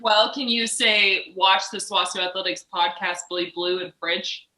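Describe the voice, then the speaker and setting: A woman's voice: mid-range voice, steady tone, measured pace, pushed and bright, roomy sound, low-quality recording. A woman hosting a podcast, asking questions in a casual sports interview style.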